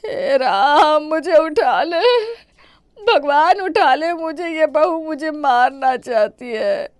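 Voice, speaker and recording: A woman voicing a scheming older mother-in-law in an animated story, with theatrical wailing and complaining. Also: fairly high pitch, measured pace, no room sound.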